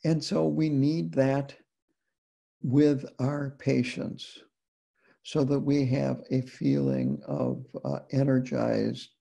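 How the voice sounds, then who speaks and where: A man from the United States giving a dharma talk as a Buddhist teacher, unhurried and deliberate, with frequent pauses. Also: mid-range voice, flat delivery, creaky, dark tone.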